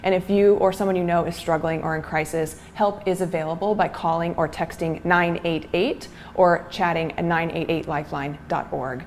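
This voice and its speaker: A woman's voice: on the low side, steady tone, moderate pace, hardly any pauses, darkish tone, a little hiss or hum. A woman hosting a podcast interview, introducing the guest and giving brief, friendly encouragement. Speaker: podcast host.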